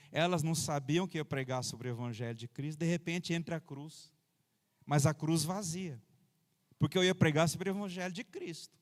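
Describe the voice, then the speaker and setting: A man's voice: a little high, a little mellow. A man, a pastor preaching a sermon in a church in a chatty, personal way, with frequent amens and hallelujahs, into a handheld microphone. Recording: reverberant church hall.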